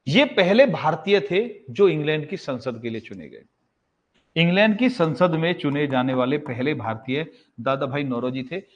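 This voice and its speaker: A male teacher giving an exam-prep history lesson in a casual way. He asks a question, answers it himself and repeats the key facts. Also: medium pitch. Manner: casual, addresses students as bhai. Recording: slightly dull lo-fi sound.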